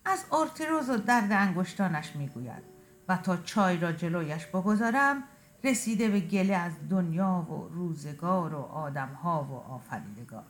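A woman reading a short first-person story aloud in a quiet, reflective, tender way. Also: on the low side, lively intonation.

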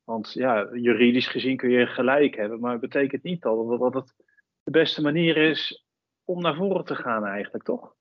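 A man hosting a podcast interview, feeling his way through questions with pauses and fillers. His voice sits at a middle pitch, dry and close to the mic. The recording sounds dull and muffled. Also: no echo. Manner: searching, hesitant questions with many fillers. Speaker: podcast host.

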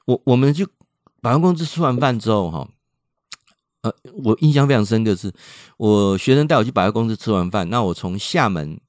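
An older man with a Taiwanese Mandarin accent, spinning an anecdote on the radio. His pitch swoops widely as he stammers and repeats words and acts out the people in his story. The sound is dry and close. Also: a little fast, no room sound. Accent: Taiwanese Mandarin with Hokkien words. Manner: lively storytelling, repeats words, mimics voices. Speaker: radio host and professor. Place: radio studio.

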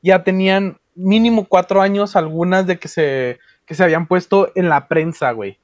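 A young Mexican man with a distinctly high-pitched voice chats casually. His talk is full of street slang and swearing. The sound is very dry, with no room around it. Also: normal speed, no room sound, dull audio. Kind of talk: casual chat.

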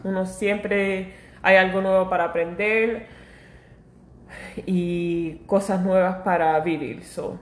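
A woman's voice: lowish voice, steady tone, slow. A woman co-hosting a podcast in casual chat, telling her story with animation and laughs, and now and then mixing in English words. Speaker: podcast co-host. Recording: roomy echo.

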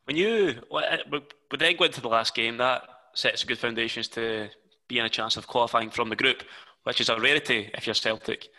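A man conducts an interview with long, carefully built questions. His voice is sharply bright and tense, and his pitch stays at a middling level. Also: a little fast, low-quality recording. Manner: lengthy, detailed setup questions.

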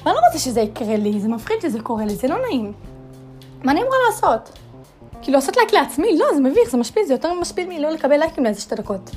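A woman's voice: sits high, sing-song, darkish tone, faint music behind. A young woman hosting a casual solo podcast, chatty and full of fillers, piling up dramatic rhetorical questions. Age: young adult. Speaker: podcast host.

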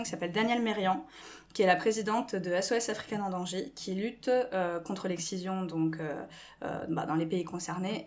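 Twenties woman from france on a podcast, lowish voice, talks fast with lots of euh. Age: 20s. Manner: animated, gestures a lot, many fillers. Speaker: guest, school staff member. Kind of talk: casual podcast interview.

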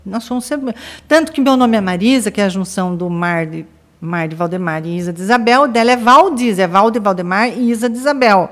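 A woman from Brazil, a podcast guest, telling a family story in a lively way and acting out her relatives' lines. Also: mid-range voice, fairly quick. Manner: lively, acts out family members' quoted lines. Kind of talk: casual storytelling in conversation.

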